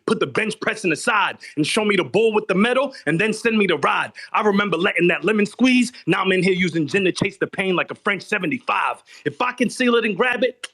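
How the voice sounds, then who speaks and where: A man's voice: high-pitched, a bit bright. A man delivering a battle rap verse with an aggressive, taunting delivery. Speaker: battle rapper.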